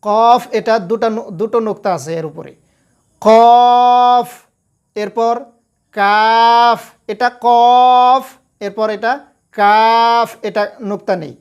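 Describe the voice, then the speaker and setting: A woman with a Bangladeshi Bengali accent teaches letters one at a time, stretching each sound long and pausing after it. Her voice sits a little high and comes through smooth and clear. The delivery is unhurried and patient throughout. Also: a little mellow, highs cut off. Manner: patient, drawn-out letter names with pauses. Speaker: Quran alphabet teacher. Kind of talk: slow instructional lesson.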